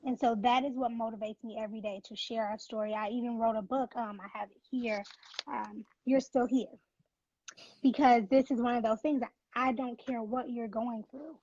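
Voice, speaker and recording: A woman's voice: fairly high pitch, fairly even intonation, normal speed, darkish tone, no room sound, highs cut off. A woman who founded a nonprofit, speaking as an interview guest in an earnest, faith-driven, emphatic way. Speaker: nonprofit founder, former NICU mom.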